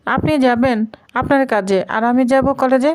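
A woman voicing a bold, quick-witted young bride who answers back in a matter-of-fact way. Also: high-pitched, a little mellow, natural voice.

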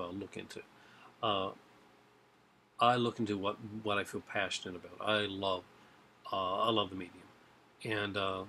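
A man in his forties, a collector vlogger, chats casually to a desk webcam in a home room lined with shelves of discs, rambling about his collection with many fillers and restarts. His lowish voice sounds bright and forceful, with a little hiss or hum.

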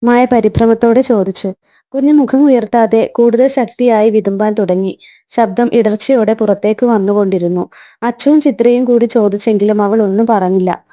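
A woman storyteller reading a romance story in steady, measured narration. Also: fairly high pitch, highs cut off.

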